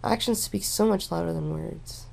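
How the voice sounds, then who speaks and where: Gravelly, drawling young woman rambling. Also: fairly low pitch, a little hiss or hum. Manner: meandering, halting, with frequent fillers and restarts; relaxed, stoned drawl. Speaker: vlogger. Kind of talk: rambling casual monologue to camera.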